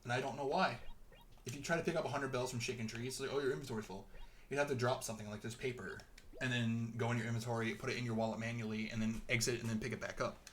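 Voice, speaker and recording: A man's voice: mid-range voice, fairly even intonation, fast talker, a bit bright, a little hiss or hum. Rambling, chatty young man. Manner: rambling, chatty, with frequent chuckles. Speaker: gameplay commentator. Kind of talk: casual let's-play commentary.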